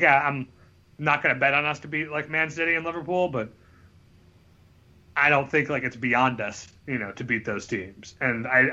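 A man's voice: medium pitch, bright, forceful tone. A man chatting casually as a podcast panelist, opinionated and rambling, on a dull voice track. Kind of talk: casual football discussion.

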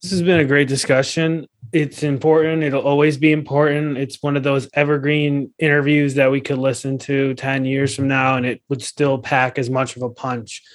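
A man hosting a podcast, asking measured, polite questions and closing the show. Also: medium pitch, flat delivery. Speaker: podcast host.

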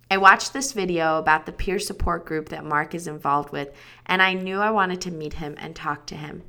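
Bright, upbeat woman hosting a podcast. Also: low voice. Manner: upbeat, enthusiastic delivery. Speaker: podcast host. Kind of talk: scripted podcast intro.

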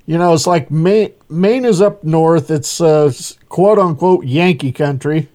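A man hosting a casual interview, relaxed, often chuckling and restarting his sentences. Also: a little high, measured pace. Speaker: interview host.

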